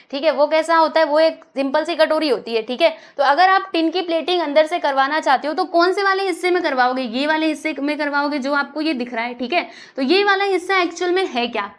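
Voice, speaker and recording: A woman teaching a maths lesson, coaxing the class with questions she answers herself, slowing down to read the English problem text aloud. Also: high-pitched, fairly bright tone.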